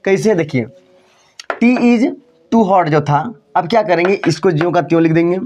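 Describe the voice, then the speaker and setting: A man teaching English grammar in Hindi, slowly working through example sentences and repeating each step. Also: sits high, a little mellow, muffled recording, a little hiss or hum.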